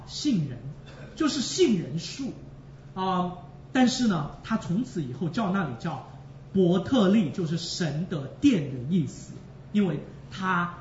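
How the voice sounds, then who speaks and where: Male preacher, high and lively voice, emotional, repetitive; distant, echoey, dull recording. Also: a little hiss or hum. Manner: emotional, repeats phrases for emphasis; addresses the congregation directly. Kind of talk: sermon.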